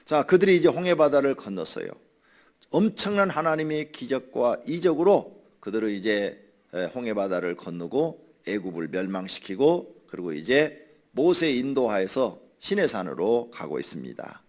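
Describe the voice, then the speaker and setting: Lively Korean pastor teaching scripture. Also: male voice, medium pitch, moderate pace. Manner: conversational teaching, acting out grumbling voices; drinks water while speaking. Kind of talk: Bible study sermon.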